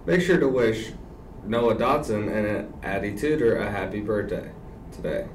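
A man's voice: on the low side, unhurried. Teenage boy announcer in an echoey room. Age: teenager, high school student. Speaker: student news anchor. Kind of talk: scripted school announcements. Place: indoor school studio at a desk. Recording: echoey room, distant mic, faint noise.

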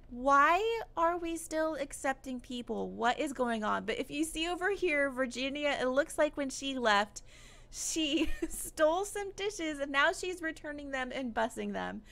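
Bright high-voiced excitable woman gamer. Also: measured pace. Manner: excitable, exclamatory, laughs often. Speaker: gaming YouTuber. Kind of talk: casual let's-play commentary.

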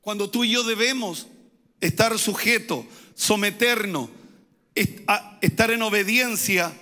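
A man's voice: high-pitched, measured pace, sharp tone. A man, a pastor, preaching a sermon with emphatic, repeated phrases and rising intensity. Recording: hall reverb.

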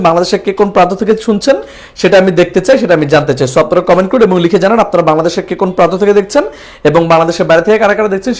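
Young Bangladeshi male teacher, high voice, rapid lively delivery, live class at a whiteboard. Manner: lively, mixes English phrases into Bengali. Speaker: English teacher.

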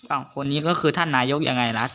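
A man giving casual gaming commentary, excitable and teasing, with loud outbursts and swearing. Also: medium pitch, quick pace. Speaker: gamer and video host. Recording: noisy home recording.

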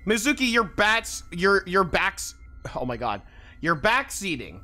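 Over video game music, a streamer with a medium-pitched voice speaks at a measured pace, reading the game's text aloud and muttering along. The commentary is casual and playful, animated and full of playful exclamations.

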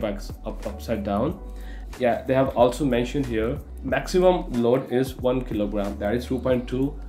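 Speaking in a warm, medium-pitched voice, a young Indian tech reviewer handles a casual unboxing in English, his second language, with a noticeable Indian accent and frequent "you know" fillers. The sound is reverberant, recorded in an indoor studio room fitted with curtains.

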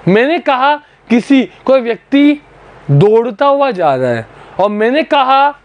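A man's voice: extremely high pitch, big pitch swings, a little slow. A man teaching accounting to school students, explaining each term step by step and repeating key words. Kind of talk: classroom lecture. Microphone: recorded lecture for an education channel.

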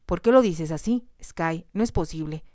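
Woman reading a stern cold nobleman, whispered role-play, low quiet and firm. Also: normal speed, dry recording, studio quality, lightly acted. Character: cold, commanding aristocratic husband called the devil.

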